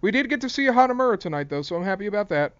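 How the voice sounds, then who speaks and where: A man's voice: high voice, very animated, rapid-fire, a bit bright, clear, resonant tone, no echo. Muffled lo-fi man casting casually. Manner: joking, swears freely. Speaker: stream co-caster. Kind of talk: casual game commentary.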